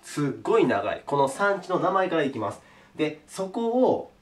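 A man with a hoarse, strained voice from a sore throat gives a video geography lesson. His voice sits fairly high and moves a lot in pitch, and he explains patiently with small check-ins to the viewer. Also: sing-song. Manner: polite, explains slowly with checks like "ne". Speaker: teacher.

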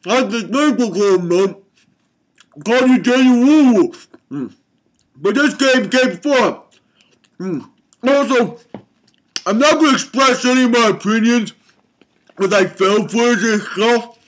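Very high-voiced, slow-talking man. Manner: rambling, muttering, sudden angry outbursts. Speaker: comedy show host. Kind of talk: rambling comic game review.

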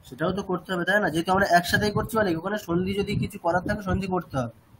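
A man's voice: high voice, steady tone, fast, background noise. A man with a West Bengal Bengali accent teaching Sanskrit chanting, asking rhetorical questions and repeating his points. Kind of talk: explaining lesson to students.

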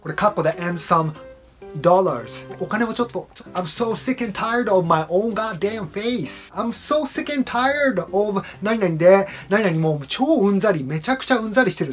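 Male English teacher, slow English reading, brisk explanations, faint music behind. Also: high voice, fairly bright tone. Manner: reads English phrases slowly, then explains briskly in Japanese. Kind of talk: explaining song lyrics line by line.

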